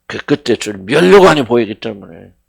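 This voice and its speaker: A middle-aged man preaching a sermon as senior pastor, fervent, swinging between loud cries and hushed words, questioning his congregation. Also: mid-range voice, sing-song, normal speed, gravelly, husky. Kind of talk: sermon at a Friday prayer meeting.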